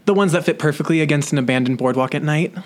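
A young man acts a teenage boy who is keen but easily worried. He talks quickly, with natural, conversational drama delivery. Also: on the high side, natural voice.

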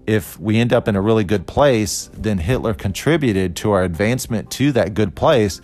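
A man in his forties talks through a philosophy lesson in a low, unhurried voice, thinking aloud with small restarts and fillers. A faint musical bed sits under the talk. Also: animated, darkish tone, soft background music. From Costa Rica. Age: 40s. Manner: thoughtful, conversational, with fillers and restarts. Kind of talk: explanatory lecture on philosophy.

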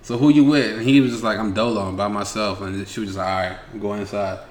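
A man's voice: fairly low pitch, fast, very noisy. A man from New York co-hosting a casual podcast chat, telling stories with lots of slang and swearing, and acting out what other people said. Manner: animated storyteller, acts out quotes, heavy slang and swearing. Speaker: podcast co-host.

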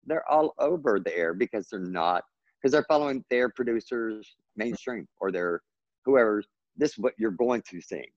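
Here a writer from Texas with a Texan accent is a guest in a casual interview, earnest and long-winded, his voice pitching up as excitement builds. He talks at normal speed on a dry, dull-sounding recording.

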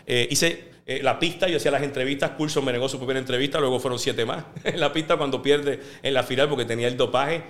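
A man from Puerto Rico, a sports journalist guest, telling lively career anecdotes in a casual interview. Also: mid-range voice, quick pace, few pauses. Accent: neutral Spanish.

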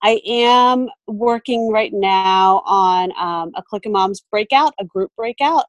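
A woman photographer and mentor, appearing as a podcast guest, chats casually and thoughtfully in an interview, with frequent ums and restarts. She speaks slowly in a medium-pitched voice. The audio is dull, with no echo.

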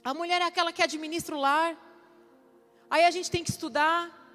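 A woman, preaching to a church women's audience in a chatty, lively way. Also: very high voice, a little fast. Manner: lively, chatty, acts out quotes. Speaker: women's ministry speaker. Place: church hall. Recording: live church hall with music underneath.

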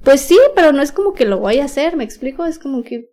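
A woman's voice: high voice, lively intonation, fast talker, mellow. A young woman with a Mexican accent, a podcast guest telling a personal story frankly and casually, full of slang and fillers. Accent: Mexican Spanish. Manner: slangy, frank, with many fillers and nervous laughs.

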